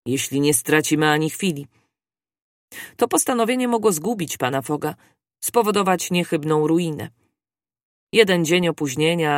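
An audiobook reader giving a steady, scripted narration of a classic adventure novel. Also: medium pitch, no echo, clean studio sound.

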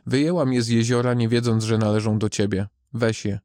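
A man reading the part of Death, a stern calm gardener of souls, in a grave measured voice. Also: medium pitch, dry recording, clean studio sound, lightly acted.

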